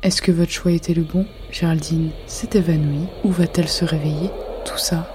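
A woman's voice: sits low, fairly even intonation, moderate pace, noisy background, close to an everyday voice. A woman playing a suspenseful game narrator, announcing in a scripted, mysterious and dramatic way.

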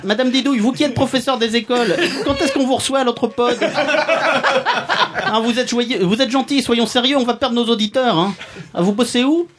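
A man's voice: very high-pitched, normal speed, crowd noise. A man doing a pompous mocking columnist. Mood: smug, mocking. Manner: mock-pompous, sardonic, chuckling at own jokes. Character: pompous male columnist character roasting a guest. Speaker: podcast columnist. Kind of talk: comic podcast chronicle.

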